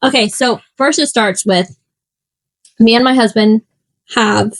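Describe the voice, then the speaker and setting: A young woman co-hosting a podcast, chatting casually in an animated, teasing way and laughing often. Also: a little high, unhurried, no room sound, rough recording. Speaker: podcast co-host. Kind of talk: casual chat.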